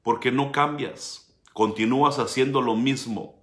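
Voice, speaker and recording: Male pastor, sermon delivery, roomy hall sound, emphatic with sudden quiet asides. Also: medium pitch, fairly even intonation, measured pace. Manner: preaching with frequent direct address to the congregation; dramatic shifts between loud emphasis and hushed asides.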